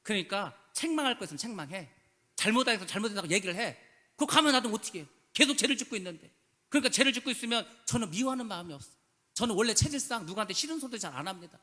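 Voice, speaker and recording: A man's voice: high voice, expressive, racing, bright, forceful tone. A man preaching a sermon as pastor, emphatic and full of rhetorical questions, slipping into casual speech. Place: church sanctuary. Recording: church hall reverb.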